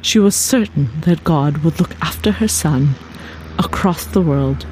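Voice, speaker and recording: A woman with a low, darkish voice reads her own literary short story aloud, speaking a little slowly in a scripted narration style over composed background music. The recording is low quality, with a slight hiss or hum.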